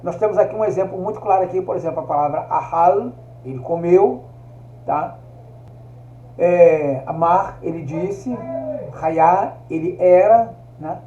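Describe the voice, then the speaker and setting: A man with a high but mellow voice teaches a recorded lesson, walking through each point patiently and checking in with listeners. He sounds like he's in an echoey room. The recording is dull and lo-fi. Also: measured pace. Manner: explanatory, often checks in with "tá?".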